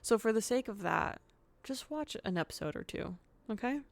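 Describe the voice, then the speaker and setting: A woman's voice: fairly high pitch, animated, moderate pace, gravelly. A woman hosting her own podcast in a casual solo chat, frank and giggly with lots of fillers. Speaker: podcast host.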